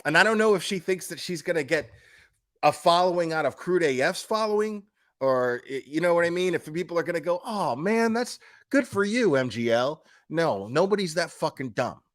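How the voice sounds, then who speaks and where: At a moderate pace, a man with a slightly high voice speaks expressively in the manner of an online streamer. His casual commentary is coarse and opinionated, delivered bluntly and emphatically with plenty of swearing.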